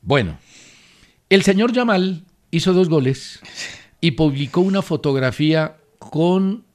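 A man's voice: fairly high pitch, lively intonation, a little slow, darkish tone. A man hosting a sports radio show, chatting casually and pressing his co-host with pointed questions. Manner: insistent, quizzing his co-host.

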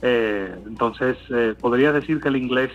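In a muffled recording over soft background music, a Miami man answers interview questions at a moderate pace and medium pitch. English is his first language, though his accent is Cuban Spanish with a Colombian softening. He sounds hesitant, often restarting and filling pauses.

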